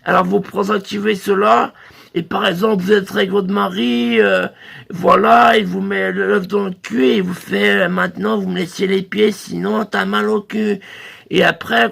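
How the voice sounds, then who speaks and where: Man, comic phone-sketch receptionist; raspy, gravelly, bright voice pitched high, rambling crude sales pitch. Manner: rambling, crude salesman patter full of hesitations. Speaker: sex-shop phone receptionist character.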